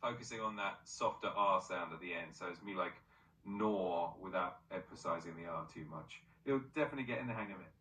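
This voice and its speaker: Upbeat bright male AI voice assistant. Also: low voice, brisk, echoey room, far from the mic, slight background noise, rough recording. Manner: upbeat, encouraging, praises often. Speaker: AI pronunciation coach. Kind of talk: voice assistant coaching.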